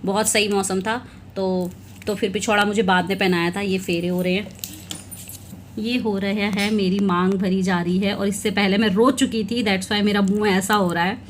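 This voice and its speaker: A young female vlogger flips through her wedding album while chatting casually with her viewers, laughing between remarks. Her easy, talkative voice sits at a middle pitch with fairly even intonation and a normal pace. A faint hiss lies beneath the recording.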